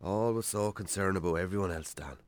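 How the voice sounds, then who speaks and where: A male actor with a deep voice plays a defensive, hard-drinking Irish bachelor farmer in a naturalistic radio drama, speaking briskly, colloquially and with dry sarcasm. His tone is bitter and sarcastic, the performance is lightly acted, and the recording is dry.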